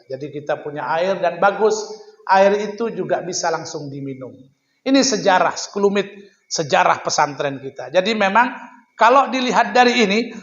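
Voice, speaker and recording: A man's voice: high voice, fairly bright tone. A middle-aged man with a manner, telling stories and asking students rhetorical questions in an informal lecture. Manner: chatty storytelling with rhetorical questions. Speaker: pesantren leader giving a public lecture. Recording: echoey hall, dull lo-fi.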